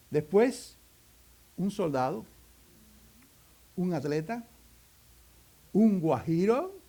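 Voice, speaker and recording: A Cuban man delivers a sermon in a folksy storytelling style, slipping in humorous asides. His voice sits on the higher side for a man. He keeps a conversational, anecdotal manner throughout. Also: creaky, dark tone. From Cuba. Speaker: preacher.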